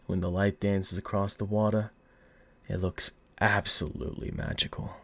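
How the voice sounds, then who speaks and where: A man playing a cocky, flirty, smug mafia boss in an audio roleplay, with a put-on gangster accent and a teasing, drawn-out seductive delivery. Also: fairly low pitch, flat delivery, a bit bright. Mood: coy, playful. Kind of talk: ASMR audio roleplay acting.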